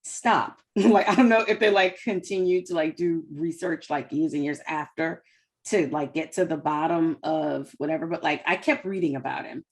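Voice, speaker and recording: A woman's voice: low-pitched, fairly even intonation, normal speed. A woman co-hosting a podcast, chatting casually about a TV episode with blunt, profane rants and a lot of "like.". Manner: blunt, profane ranting with frequent "like". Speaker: podcast co-host. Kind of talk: casual chat reviewing a TV episode.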